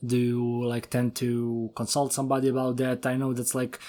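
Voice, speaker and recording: A man's voice: mid-range voice, monotone, normal speed, a little mellow. A man hosting a casual podcast interview, using "like" and other fillers often. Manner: filler-heavy, uses "like" often. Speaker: podcast host. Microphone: remote podcast recording.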